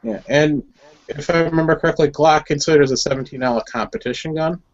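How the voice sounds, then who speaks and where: Hosting a casual group chat, a man with a Wisconsin accent talks briskly in a slightly high voice. He speaks loosely, stumbles over words now and then and laughs along, all on dull lo-fi audio.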